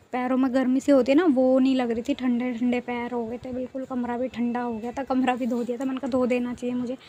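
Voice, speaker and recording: A young woman talking in a relaxed, chatty way about her home chores, with a somewhat high voice. She speaks in a level, unvaried tone and often loops back over the same point. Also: a little hiss or hum. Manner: chatty, repeats herself, says "ठीक है" often. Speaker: vlogger.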